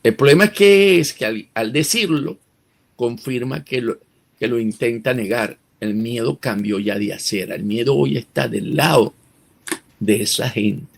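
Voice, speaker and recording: Gravelly, husky man analyzing politics. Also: mid-range voice, unhurried. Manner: emphatic, rhetorical questions, restarts words. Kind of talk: interview commentary.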